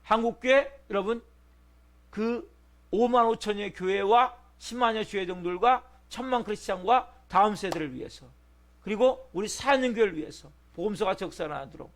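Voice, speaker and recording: Male pastor, high voice, Korean sermon delivery, rhetorical questions, bursts into acted shouting. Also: moderate pace. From South Korea. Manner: preaching with rhetorical questions, acting out shouted cries for help.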